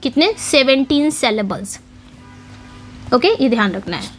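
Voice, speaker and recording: A woman's voice: high voice, very animated, soft background music. A woman teaching English literature for exam preparation, explaining in Hindi mixed with English terms, often asking quiz questions and repeating the key points. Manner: reads English question text slowly. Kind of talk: exam-prep lecture.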